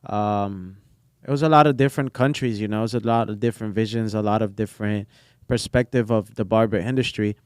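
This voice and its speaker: A young Brazilian barber whose first language is Portuguese chats casually as an interview guest, rambling along with plenty of fillers in a relaxed way. His fairly low voice is clear and resonant, and he speaks a little fast. The recording is dry, with clean studio sound.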